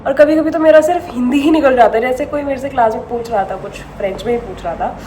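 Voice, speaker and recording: A woman's voice: high voice, fast, dark tone, slight background noise. A young woman from India chatting casually in a home vlog, mixing in English phrases and laughing often. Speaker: vlogger. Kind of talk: casual chat.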